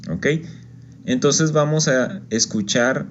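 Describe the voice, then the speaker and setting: A man's voice: medium pitch, slow pace, dull audio, slight background noise. A man teaching an online Japanese lesson, patiently explaining step by step and often checking in with "ok?".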